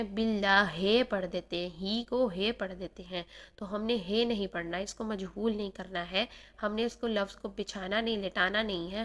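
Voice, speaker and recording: A woman teaching tajweed, explaining the pronunciation of each sound and demonstrating it slowly and carefully. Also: mid-range voice, a bit bright. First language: Urdu. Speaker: Quran recitation teacher. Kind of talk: tajweed lesson.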